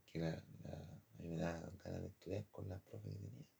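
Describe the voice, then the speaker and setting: A man's voice: sits low, steady tone, fairly quick, vocal fry, dark tone, breathy edge. A man with a Chilean accent telling a personal story from his design studies in a rambling, slangy way, often calling the listener "compadre". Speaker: former design student.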